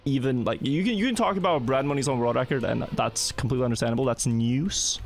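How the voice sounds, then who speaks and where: A man's voice: mid-range voice, fast talker, faint music behind. A man hosting a live gaming stream, chatting casually and often repeating words as he talks. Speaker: streamer host.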